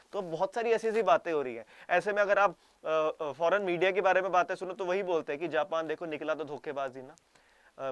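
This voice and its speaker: A man's voice: a little high, a bit bright, clear, resonant tone, no room sound. A young man teaching current affairs in a casual exam-prep lecture, chatty and jokey, acting out quoted officials.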